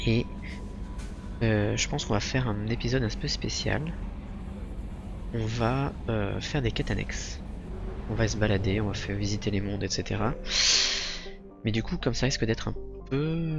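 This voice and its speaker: A man's voice: lowish voice, vocal fry, highs cut off. A man hosting a let's play, commenting casually and thinking aloud in a hesitant, improvised way. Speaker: gaming video host.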